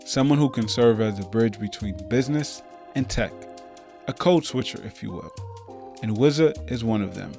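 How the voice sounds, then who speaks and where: A man hosting a podcast, reading scripted introductions in a smooth, measured way. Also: lowish voice, dark tone, soft background music. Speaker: podcast host.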